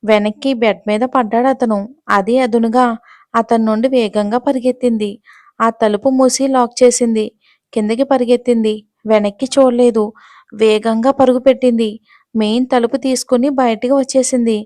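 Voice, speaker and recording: A woman reads a romance audio story aloud in a steady, dramatic manner, her voice pitched a little high. The recording is close and dry, with no room echo. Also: normal speed. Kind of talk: scripted audio story narration. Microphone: close mic, dry sound.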